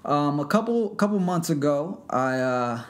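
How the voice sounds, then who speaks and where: A man's voice: fairly high pitch, expressive, measured pace. A young man from the San Francisco Bay Area hosting a casual podcast at home, laid-back and slangy. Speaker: podcast host. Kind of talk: casual chat.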